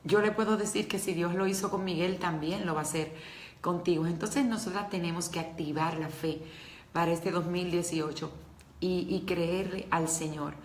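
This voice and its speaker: A woman preaches a devotional talk, earnest and emotional as she speaks straight to her listeners. Her voice sits a little low. It rings in a roomy echo with faint noise behind. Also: steady tone, normal speed.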